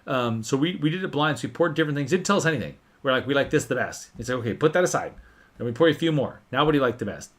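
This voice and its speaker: A man hosting a casual whiskey livestream, animated and swearing freely as he tells stories. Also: medium pitch, racing.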